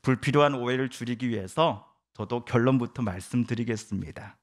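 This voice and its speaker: A middle-aged man preaching a Sunday sermon, who reads scripture slowly and then tells stories, putting on voices for the people in them. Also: mid-range voice. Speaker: pastor.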